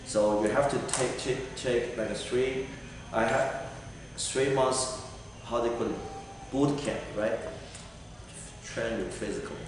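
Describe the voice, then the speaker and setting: A middle-aged man from Taiwan, earnestly answering a panel's questions with many fillers and pauses. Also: mid-range voice, steady tone, distant mic, background noise. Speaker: political candidate. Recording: echoey hall recorded from afar.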